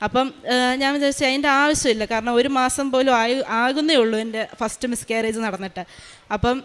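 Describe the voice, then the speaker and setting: A young woman, a maternity nurse, telling a personal faith testimony in quick, earnest storytelling with hesitant fillers. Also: on the high side, fairly bright tone, clear, resonant tone.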